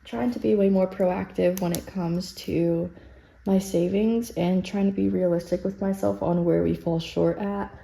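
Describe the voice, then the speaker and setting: Gravelly, mellow woman chatting through cash budgeting. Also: medium pitch, steady tone, a little slow, a little hiss or hum, poor audio. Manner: chatty, self-deprecating, counts bills under her breath. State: a little out of breath. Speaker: budgeting vlogger. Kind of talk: casual talk while cash stuffing.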